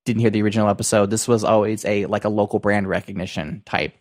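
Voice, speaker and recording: A man co-hosting a casual business podcast, talking in a halting, circling way full of filler phrases. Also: on the low side, fairly even intonation, a little mellow. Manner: halting, circling phrasing with repeated "you know" and "like". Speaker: podcast co-host.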